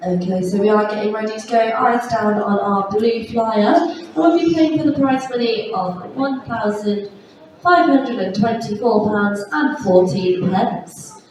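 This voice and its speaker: A woman's voice: fairly high pitch, measured pace, darkish tone. A woman making live announcements to players as a bingo host. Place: large indoor holiday park venue. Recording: echoey hall PA, distant, music behind. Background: music.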